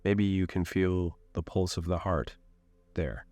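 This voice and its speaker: A man with a low-pitched voice guides a meditation calmly and without hurry, offering gentle instructions separated by long pauses. There is no room sound.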